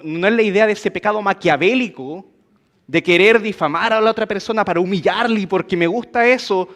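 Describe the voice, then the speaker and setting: A man's voice: high-pitched, a bit bright. A man preaching a sermon in a church, asking the congregation questions and acting out quoted gossip.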